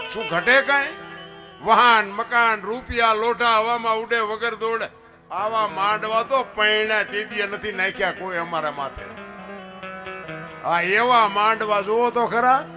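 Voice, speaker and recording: Male folk storyteller, high and rustic, teases the crowd, music behind. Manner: rustic, lively, teasing storyteller who asks the crowd questions. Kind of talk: humorous folk talk to an audience.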